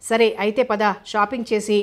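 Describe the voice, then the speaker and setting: A woman's voice: fairly high pitch, little pitch movement, normal speed, close to an everyday voice. A woman reading the lines of a caring, protective young woman friend in an audiobook novel. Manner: caring, urging.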